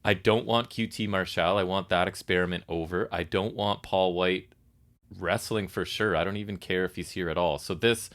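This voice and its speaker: A man with a very deep voice co-hosts a wrestling podcast. He talks in casual chat and slips in dry, deadpan sarcasm. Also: moderate pace. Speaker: podcast co-host.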